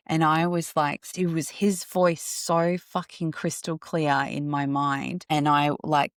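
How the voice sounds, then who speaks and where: A woman hosting a podcast, telling a personal story in a candid, reflective way and often pausing to search for words. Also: low-pitched, smooth, no room sound, studio quality. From Australia. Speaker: podcast host.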